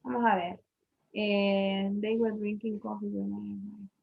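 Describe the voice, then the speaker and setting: A woman's voice: medium pitch, level tone, unhurried, gravelly, a little hiss or hum. A woman teaching an English grammar class, patiently explaining and repeating each point in a classroom. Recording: muffled lo-fi recording.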